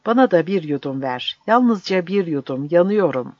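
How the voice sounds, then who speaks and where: A man's voice: fairly high pitch, animated, normal speed, a little mellow, no echo, close to an everyday voice. A man voicing a young, starving male prisoner who pleads and explains, on a dull, dry recording. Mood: pleading.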